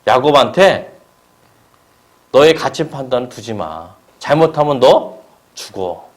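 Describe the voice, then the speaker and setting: Stern divine voice, low and blunt, as a preacher puts it on. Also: male voice, sing-song, slow pace. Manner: firm, blunt commands. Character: stern God giving a warning.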